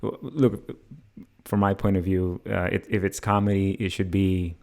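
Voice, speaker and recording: Young male podcast host, deep steady voice, loose hesitant chat. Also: moderate pace. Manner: relaxed, hesitant, many restarts. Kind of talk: casual conversation.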